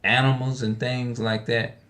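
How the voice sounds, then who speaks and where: A man's voice: medium pitch, flat delivery, unhurried, a bit bright. A man in his forties speaking in an unscripted monologue, emphatic and repetitive, often restarting his sentences and asking rhetorical questions. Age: 40s. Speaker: online video speaker.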